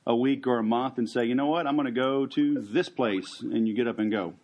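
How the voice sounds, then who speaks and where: A man hosting a podcast in a casual interview style, halting, with frequent ums and pauses. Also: mid-range voice, darkish tone. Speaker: podcast host.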